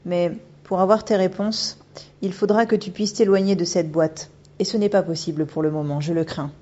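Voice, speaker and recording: A woman's voice: lowish voice, fairly even intonation, normal speed, warm tone, highs cut off, natural voice. A woman voicing a mysterious, haughty shapeshifting otter spirit in an audiobook, commanding and knowing. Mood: imperious. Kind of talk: audiobook character voice.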